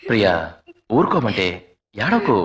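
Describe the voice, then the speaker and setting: A man's voice: medium pitch, big pitch swings, moderate pace, far from the mic, muffled recording, a little hiss or hum, natural voice. A man dubbing a breezy, teasing young husband in a film, reassuring his wife. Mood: soothing. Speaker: dubbing actor. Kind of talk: Telugu film dub.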